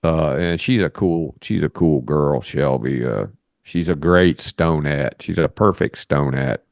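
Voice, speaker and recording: Man, very deep voice, rambling podcast co-host, casual chat, dry close sound. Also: measured pace, gravelly, darkish tone, no room sound. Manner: rambling, many fillers and restarts.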